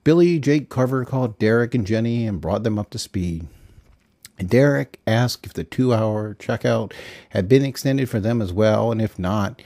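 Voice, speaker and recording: A man narrating a novel chapter in a deadpan, dry delivery. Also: lowish voice, moderate pace, dry recording. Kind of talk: scripted audiobook narration.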